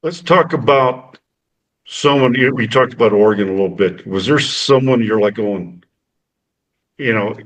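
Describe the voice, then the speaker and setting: A man's voice: medium pitch, normal speed, poor audio. A man hosting a podcast, asking casual, rambling questions of his guest. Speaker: podcast host.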